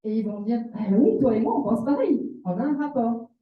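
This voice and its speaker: A little fast and animated, a woman with a fairly high pitch interprets a seminar talk live, one phrase at a time. She expressively echoes the examples and sometimes fixes her own wording. The recording is roomy with a slightly dull quality.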